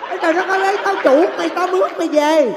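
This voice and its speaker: A man's voice: very high-pitched, quick pace, a crowd in the background, background noise. A man playing an exasperated master who scolds his servant, in a stage comedy sketch. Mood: scolding. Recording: echoey hall.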